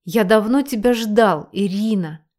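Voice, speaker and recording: A woman reading an audiobook, voicing a huge amorous man with a rumbling voice. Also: a little slow, darkish tone, close to an everyday voice. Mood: tender. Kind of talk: audiobook character voice.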